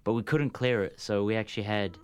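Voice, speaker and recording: A man, a music producer, explaining how he made a track in casual chat, hesitant and halting with ums. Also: on the low side, smooth.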